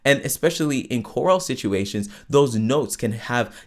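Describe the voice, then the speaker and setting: This podcast host and vocal coach has a lower voice with falsetto access and speaks at normal speed with lively intonation. In a casual teaching monologue about singing, he stays conversational, restarting often, using many fillers, and tacking on "right?" again and again.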